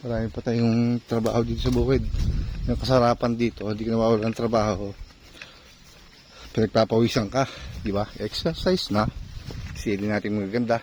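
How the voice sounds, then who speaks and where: A man casually narrating to viewers while clearing cassava plants on his farm, often asking them "right?" and sometimes out of breath. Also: medium pitch, little pitch movement, fairly quick, pauses often, a little mellow, a little hiss or hum. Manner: chatty, talks to viewers while working, often asks "di ba?". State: out of breath at times. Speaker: farm vlogger. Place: outdoors on a farm field.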